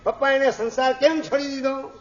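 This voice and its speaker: A man's voice: fairly even intonation, fairly quick, highs cut off. A man voicing a small curious boy who keeps questioning his father. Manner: high, insistent questioning.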